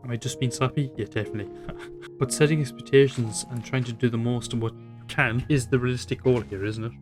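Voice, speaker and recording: A nineteen-year-old man rambling reflectively over gameplay, self-deprecating and swearing casually, his voice trailing off quietly. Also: mid-range voice, fairly even intonation, a little fast, faint music behind. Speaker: gaming YouTuber.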